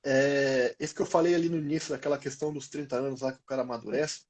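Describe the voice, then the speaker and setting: In an informal interview, a thirty-something former footballer with a Brazilian Portuguese accent talks through his sporting experiences using plenty of slang. He speaks quickly in a mid-range, darkish voice with fairly even intonation.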